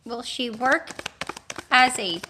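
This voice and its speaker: A woman in her forties chatting casually on a livestream as a tarot reader, thinking aloud and talking warmly to her viewers. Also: on the high side, background noise. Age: 40s. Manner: chatty and musing, thinks aloud with restarts and drawn-out exclamations; addresses viewers warmly, with homely blessings.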